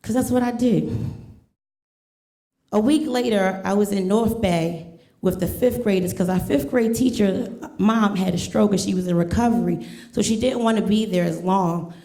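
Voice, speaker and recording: Gravelly-voiced woman telling a story. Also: mid-range voice, normal speed, warm tone. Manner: earnest, emphatic, repeats refrains. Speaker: teacher telling a personal story on stage. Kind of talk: live storytelling. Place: museum event hall with audience. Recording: echoey room.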